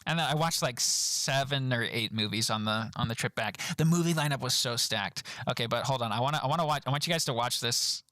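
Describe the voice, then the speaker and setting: Bright, chatty young male streamer. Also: a little fast, hardly any pauses, dry recording. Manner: laughs often, animated storytelling with high-pitched quoted voices. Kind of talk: casual stream chat reviewing trip photos.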